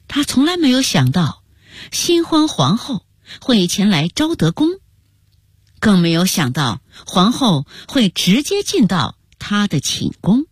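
A woman telling a historical story in scripted narration, with an expressive, melodic delivery. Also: mid-range voice, husky, no echo, studio quality. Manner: expressive, rising and falling melodically.

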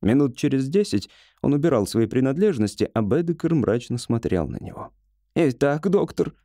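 A man narrates an audiobook in an even, measured storyteller's voice. His tone is mellow and dark, recorded close and dry with no room sound. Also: mid-range voice, dry recording. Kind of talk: scripted literary narration.

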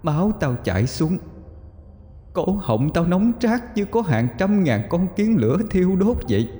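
A man's voice: high-pitched, very animated, a little slow, dark tone, soft background music, voice pushed up. A man voicing the ghost of a young mother, speaking in an anguished, bitter lament. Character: vengeful young woman ghost, grieving mother. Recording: long hall reverb.

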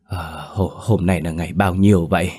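A deep-voiced man plays a haunted old master, gruff and hoarse, snapping out his orders. It is the plain low voice of the storyteller, barely changed. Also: moderate pace. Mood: uneasy.

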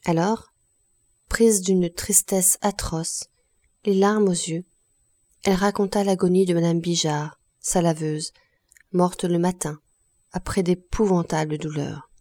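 A woman reading a classic novel aloud as audiobook narration, in a measured, even manner. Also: on the low side. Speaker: audiobook reader. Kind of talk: scripted narration.

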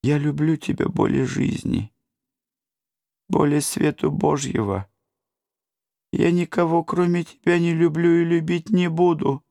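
A man's voice: measured pace, creaky, pauses often, dark tone, no room sound, clean studio sound. A man voicing a grieving young noblewoman who pleads desperately with her lover. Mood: despairing. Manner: sobbing, pleading, high-pitched.

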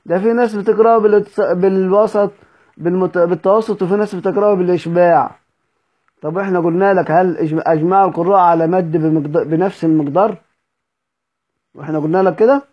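A man's voice: high-pitched, lo-fi sound. A man with an Egyptian Arabic accent teaching a recorded study session, explaining points, repeating them and quizzing his students. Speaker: Quran recitation teacher.

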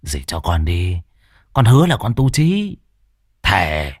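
A man voicing a rough, thieving young village man in a spoken ghost story, gruff and coarse in speech. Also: low voice, wildly swooping pitch, slow pace, no echo, clean studio sound, voice pushed down, full character voice. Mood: wheedling.

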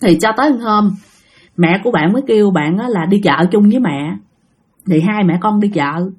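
A woman's voice: mid-range voice, normal speed, darkish tone. A woman narrating a ghost story in a chatty way, repeating words for effect.

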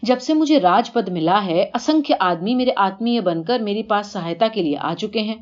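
عورت کی آواز میں گھبرایا ہوا بادشاہ Krishna. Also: female voice, mid-range voice, animated, muffled recording, lightly acted. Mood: evasive. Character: anxious ruler Krishna, male, pleading then bargaining.

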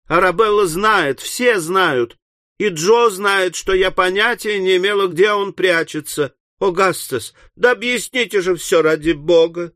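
A man's voice: high-pitched, pushed and bright, dry recording, pitched above the performer's own voice. A male narrator plays a flustered young woman from a storybook reading, pleading in a raised voice that climbs above his own. Close, dry sound. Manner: pleading, rushed protest.

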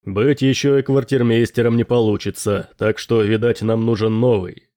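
Guy reading as a steady pirate officer, matter of fact, mid pitched, storybook. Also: normal speed, dry recording, studio quality, lightly acted. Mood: announcing. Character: steady male pirate officer running a vote.

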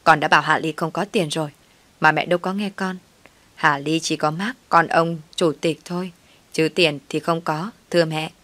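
Woman reading a grumpy young husband, short and dismissive, low voice. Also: fairly even intonation, moderate pace, a bit bright, no room sound. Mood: curt. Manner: curt and dismissive. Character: sulky, self-serving young husband.

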